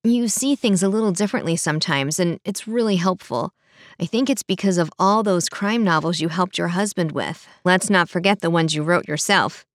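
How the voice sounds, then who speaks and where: A woman voicing a calm, measured male police officer in an audiobook. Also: fairly low pitch, dry recording, studio quality, close to an everyday voice.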